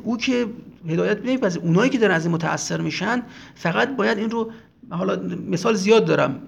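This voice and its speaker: A man's voice: high voice, gravelly. A man giving an emphatic religious lecture, retelling scenes and acting out quotes. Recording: dull lo-fi recording.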